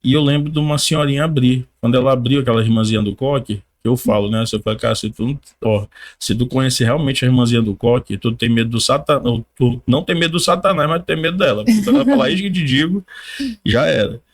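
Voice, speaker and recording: A man's voice: mid-range voice, fast talker. A young man from Brazil, a podcast guest animatedly telling a personal testimony, often laughing and calling the listener "cara".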